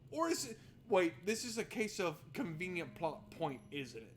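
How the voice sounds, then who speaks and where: Very animated and high-pitched, this man narrates a visual novel in a let's play at a moderate pace, cursing at it and mocking it with sarcastic exasperation. Game music runs underneath, along with a little hiss or hum.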